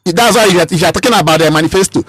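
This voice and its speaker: A Nigerian political candidate in his thirties speaks rapidly on a radio interview, hammering his points and repeating or restarting phrases. His high, slightly husky, fairly bright voice is captured close and dry on a radio mic with no room sound, though the audio quality is poor.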